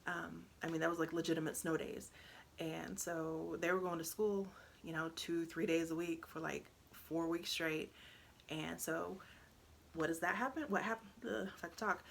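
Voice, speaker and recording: A woman talks casually to the camera about parenting. Her voice sits low with a gravelly fry, earnest and lively when retelling. A faint hiss runs behind her. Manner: earnest, animated when retelling, drops to a hush when describing the panic. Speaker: parent sharing advice.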